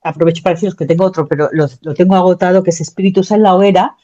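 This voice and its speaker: Woman telling her story in an interview, mellow dark voice, lots of restarts, kinda dull lo-fi sound. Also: on the low side, rapid-fire. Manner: animated, many restarts and repetitions. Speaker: guest recounting a near-death experience.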